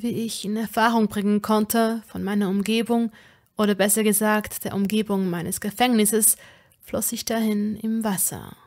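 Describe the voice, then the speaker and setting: A woman narrating a fanfiction audiobook in the first person, with dramatic delivery that often drops to a breathy whisper. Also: mid-range voice, darkish tone.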